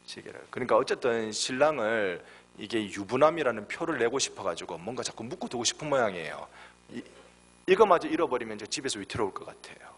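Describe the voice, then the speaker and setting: A man in his forties, a guest pastor from Daegu with a Gyeongsang accent, preaching a sermon with lively storytelling and emphatic peaks. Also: medium pitch, fast talker, breathy edge. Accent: Gyeongsang Korean. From Daegu, South Korea. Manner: animated storytelling, acts out voices, rising to emphatic peaks. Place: church sanctuary. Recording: long hall reverb.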